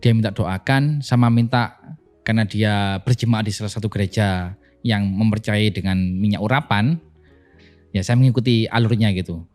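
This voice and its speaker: Male pastor, low voice, animated podcast storyteller who acts out quotes. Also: moderate pace, faint music behind.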